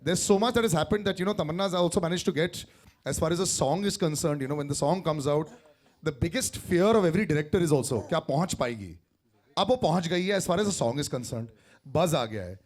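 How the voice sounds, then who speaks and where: A man's voice: on the high side, expressive, racing. A man with an Indian English accent hosting a press event, mixing Hindi and English as he sets up questions. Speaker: event host.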